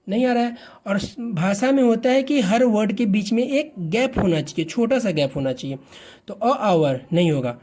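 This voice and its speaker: English teacher, from India, lesson explanation, asks own questions, stretches sounds slowly, mid pitch. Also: warm tone.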